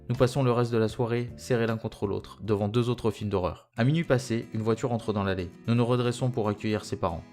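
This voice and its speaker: A young man calmly narrating a first-person story in a steady, scripted way. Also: lowish voice. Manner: calm, even storytelling in present tense. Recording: faint guitar music behind. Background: faint guitar music.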